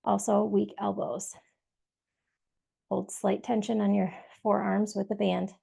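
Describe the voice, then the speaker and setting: A woman's voice: mid-range voice, little pitch movement, unhurried, creaky, dark tone, breathy edge. A woman leading a workout over a video call, giving encouraging step-by-step cues while she exercises. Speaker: fitness instructor. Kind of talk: live workout instruction.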